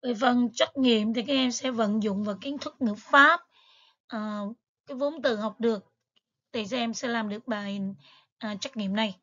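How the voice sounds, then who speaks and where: A fairly bright, high-ish female voice at normal speed, with the highs cut off. She's an English teacher patiently walking through exam review material step by step, using plenty of fillers.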